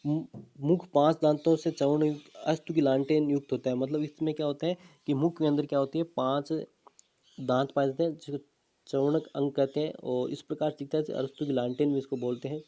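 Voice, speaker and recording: A man's voice: fairly high pitch, flat delivery, a little fast, dark tone. A man teaching an exam-prep biology lesson, explaining step by step, repeating terms and asking himself questions. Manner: drops in fillers, "ठीक है" and "है ना".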